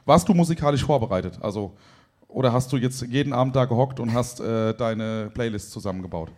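A DJ stream show host chats casually with his guests in an interview, constantly tacking "ne?" onto the end of his sentences. His voice is medium-pitched and slightly dark, and he talks a little fast.

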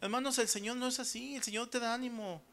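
A man's voice: very high voice, steady tone, fast, fairly bright tone. A man preaching a sermon, often calling the congregation brothers and checking in with them after each point. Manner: addresses listeners as brothers.

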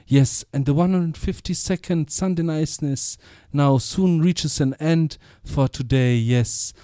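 A man's voice: fairly high pitch, measured pace, mellow, no echo, studio quality. A man with a German accent, a native German speaker, hosting a radio show with a casual, chatty sign-off.

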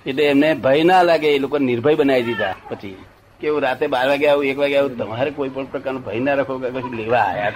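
A man's voice: mid-range voice, fast, crowd noise, background noise. An older man telling a rambling anecdote in casual chat, often checking that his listener follows. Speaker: storyteller.

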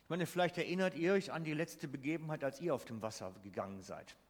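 Preacher in a reverberant church hall. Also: male voice, on the high side, quick pace, breathy edge. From Switzerland. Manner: emphatic, asks the congregation questions. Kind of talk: sermon.

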